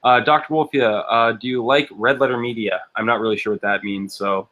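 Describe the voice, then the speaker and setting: A man hosts a live interview and stumbles through his wrap-up with many ums and uhs. His voice sits at a mid pitch. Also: fairly even intonation, fairly quick, pushed and bright, muffled recording. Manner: hesitant, filler-heavy. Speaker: host. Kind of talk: livestream interview.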